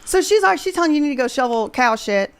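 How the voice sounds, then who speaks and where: A woman's voice: high-pitched, animated, fast. Teasing woman asking questions. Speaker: interviewer host. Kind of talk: casual interview chat.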